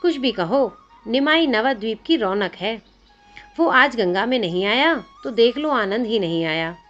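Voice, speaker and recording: A woman voicing chatty, impatient village girls who gossip in a lively way, in a narrated devotional story. The recording sounds slightly dull. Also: on the high side, measured pace, soft background music.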